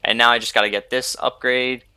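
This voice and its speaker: A man's voice: medium pitch, little pitch movement, a little fast, pushed and bright, clean tone, no echo. A young man hosting a gaming video, rambling casually over his gameplay and filling gaps with "like" and "you know". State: sleepy, yawning. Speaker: gaming channel host.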